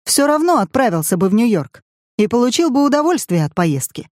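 An easygoing grown son tosses off cheerful, cheeky remarks, as a reader puts him on. Dry, close audiobook reading. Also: male voice, very high voice, sing-song, fairly quick, dry recording, pitched above the performer's own voice. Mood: amused. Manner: cheerful, offhand.

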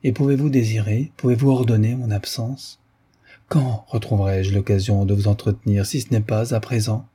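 A man reading the part of a pushy young gentleman pleading his love in a flowery, ardent way. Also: lowish voice, fairly even intonation, normal speed, husky.

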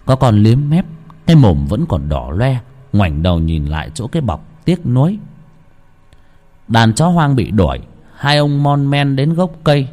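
A man narrating a ghost story in a dramatic, lively storytelling manner. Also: mid-range voice, a little slow.

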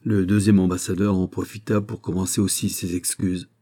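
A man reading a classic novel aloud as an audiobook narrator, in a measured, steady way. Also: low voice, breathy edge. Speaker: audiobook reader. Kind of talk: scripted narration.

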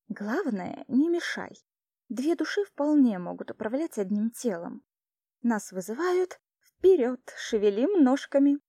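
A woman voicing an excitable, cheeky young female spirit who talks playfully and with great self-assurance. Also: fairly high pitch, no room sound, clean studio sound.

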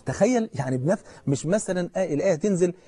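A man with an Egyptian accent giving a colloquial religious lecture as a preacher, telling stories with animation, asking his listeners questions, and reciting scripture slowly and solemnly. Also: high-pitched, lively intonation, mellow.

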